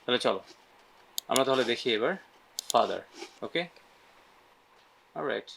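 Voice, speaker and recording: A man's voice: medium pitch, animated, a little slow, gravelly, a bit bright, slight background noise. A man teaching English pronunciation in a mixed Bengali and English lesson, often checking in with "right?" and leading repeat-after-me drills. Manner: asks frequent "right?" check-ins.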